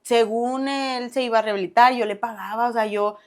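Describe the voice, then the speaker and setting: Animated Mexican woman telling her story. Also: fairly high pitch, a little fast. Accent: Mexican Spanish. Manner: animated, acts out past dialogue, laughs often. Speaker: podcast guest. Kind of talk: casual storytelling interview.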